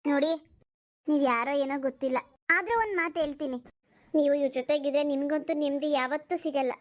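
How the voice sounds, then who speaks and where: A woman's voice: high-pitched, fast, lightly acted. A woman voicing a young village stepmother who insists she means no harm. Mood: defensive. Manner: defensive, pleading her innocence. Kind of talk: cartoon voice acting.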